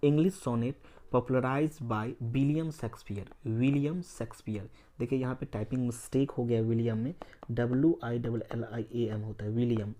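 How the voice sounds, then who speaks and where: Mellow-voiced man drilling exam points. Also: medium pitch, fairly even intonation, moderate pace. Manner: repeats points as quiz questions and answers them; spells out words letter by letter. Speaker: English literature teacher. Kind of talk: Hindi-English exam-prep lecture.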